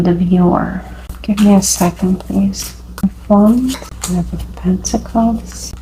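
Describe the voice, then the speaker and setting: A woman giving an intuitive tarot reading, speaking in a halting, dreamy way with frequent pauses. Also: medium pitch, darkish tone, slight background noise, poor audio. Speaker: tarot reader.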